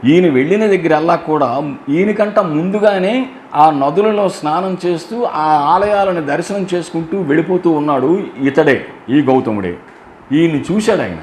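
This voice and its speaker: A man's voice: on the high side, animated, a little mellow, a little hiss or hum. A man giving a religious storytelling discourse, explaining verses line by line and asking his listeners rhetorical questions. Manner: chants verses in slow drawn-out melody.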